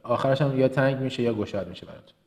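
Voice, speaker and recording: With a darkish, medium-pitched voice, a man from Kerman, Iran, coaches listeners in a motivational business lesson. He has a slight Kermani Persian accent, and his emphatic style leans on repetition for stress and fast lists.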